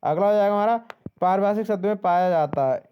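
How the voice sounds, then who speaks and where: A man's voice: high voice, a little fast, lo-fi sound, a little hiss or hum. A young man tutoring exam questions in a casual spoken lesson, repeating each answer back and checking in with the listener. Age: young adult. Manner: repeats answers and asks "ठीक है?" often, restarts words.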